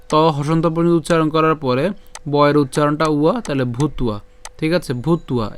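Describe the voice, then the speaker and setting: A man teaching the pronunciation of a Sanskrit verse syllable by syllable, asking and answering his own questions and chanting the lines slowly. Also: fairly high pitch, clean tone. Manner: breaks words into syllables, repeats them, asks and answers his own questions. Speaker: Gita recitation teacher. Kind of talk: step-by-step Sanskrit pronunciation lesson.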